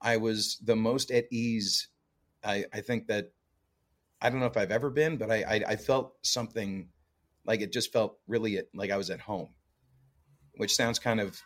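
Speaking on the low side at a moderate pace and steady tone, a man who grew up in Canada chats as a guest musician. It's a laid-back interview marked by frequent laughs, many fillers, and repeated restarts.

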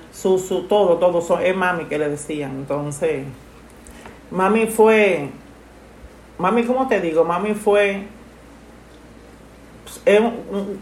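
A middle-aged woman, talking softly and haltingly about her late mother, full of grief. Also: lowish voice, echoey room, a little hiss or hum. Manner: grieving, soft and halting, with many restarts. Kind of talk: emotional personal conversation.

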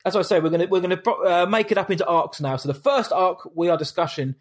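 A man chats as a podcast co-host. His voice is slightly high for a man. He talks in a laid-back, matey, rambling style. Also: fast talker. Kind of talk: casual podcast chat.

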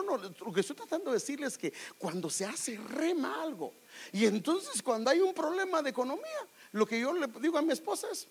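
A man's voice: extremely high pitch, slightly rough. A middle-aged man with a Guatemalan Spanish accent preaching a personal testimony, calling his listeners brother. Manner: animated, addresses listeners as brother. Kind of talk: testimony sermon.

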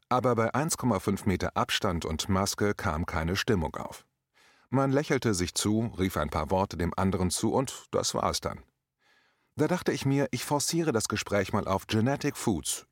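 A man's voice: lowish voice, no room sound, clean studio sound. A man reading out a scripted commentary in an emphatic, polemical way, with ironic storytelling. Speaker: commentator reading his own text.

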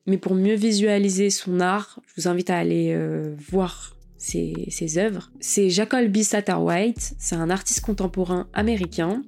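A woman's voice: medium pitch, a little mellow. A woman hosting a podcast, talking casually and with slang about digital art. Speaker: podcast host.

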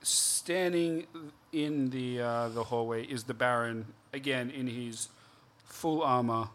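A man's voice: mid-range voice, slow pace, a bit bright. A man running a tabletop game as game master, narrating scenes with many hesitations and fillers.

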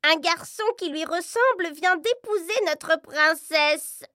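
A woman voicing a loud, talkative crow in a storybook, with a high, squawky voice and a slow pace. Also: dry recording, studio quality, full character voice. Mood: excited.

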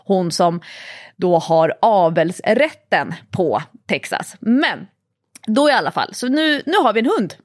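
A woman's voice: mid-range voice, big pitch swings, no echo, studio quality. A woman co-hosting a casual chat podcast, playful and jokey, acting out funny voices as she talks. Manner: playful, acts out voices for laughs. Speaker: podcast co-host and coach.

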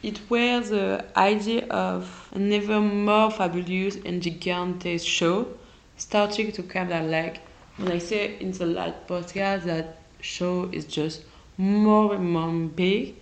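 A woman with a French accent, a native French speaker, hosting a solo podcast and often pausing to search for English words. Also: mid-range voice, steady tone, vocal fry, low-quality recording. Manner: halting, searches for English words, self-correcting. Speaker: podcast host. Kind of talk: casual solo podcast talk.

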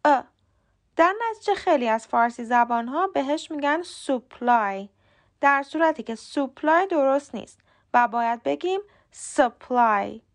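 A woman who speaks Persian as her first language hosts a podcast lesson, explaining calmly and clearly and saying model words slowly. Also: sits high. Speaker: podcast host teaching English pronunciation.

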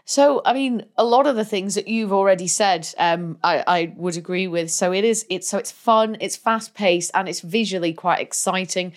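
A woman's voice: mid-range voice, moderate pace, few pauses. A woman co-hosting a podcast, chatting casually about a film with lots of fillers and easy laughter. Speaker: podcast co-host. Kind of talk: casual film review chat.

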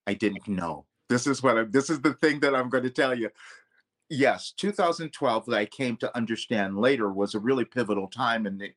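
Mid-range and a bit bright, the man's voice moves at a normal speed as he, a vocal coach, reflects in an interview. His manner is earnest and loose, and he often corrects himself partway through a sentence.

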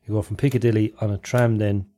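A man's voice: lowish voice, little pitch movement, fast, dark tone. A man with a Cork Irish accent hosting a podcast, telling casual anecdotes in colloquial, sweary language. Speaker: podcast host.

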